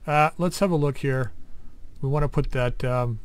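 A man's voice: medium pitch, moderate pace, clean tone. A man giving casual commentary over a strategy game, thinking aloud as he sorts through menus. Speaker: let's play host.

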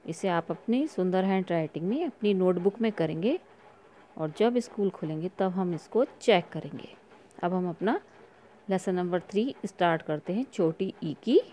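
A woman teacher leads a recorded lesson for young pupils. Her voice is mellow and unhurried. She reads each word slowly and plainly so the children can follow along. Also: fairly low pitch, animated, slight background noise. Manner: slow, clear word-by-word reading for young children. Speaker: school teacher. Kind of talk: recorded online class lesson.

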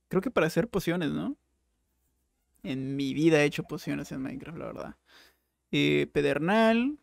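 Gravelly chatty man gaming. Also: on the high side, no echo, clean studio sound. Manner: chatty, jokey, bursts of excited exclaiming. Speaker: gaming YouTuber. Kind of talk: casual Minecraft let's play commentary.

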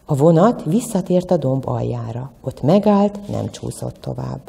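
A woman's voice: very deep voice, animated, gravelly, mellow, in a large hall. A woman, a museum educator, telling a children's story expressively. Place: museum room.

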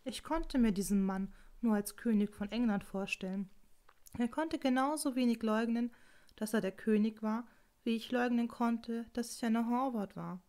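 A woman narrating a novel in the first person, calm and intimate. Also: fairly high pitch, normal speed. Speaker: audiobook reader.

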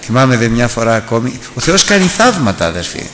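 A man preaching and teaching a Bible lesson. He tells stories and slows down and rises for emphasis. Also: medium pitch, very animated, crowd noise. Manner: storytelling, slowing down and rising for emphasis. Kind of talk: sermon. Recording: reverberant hall with faint hum.

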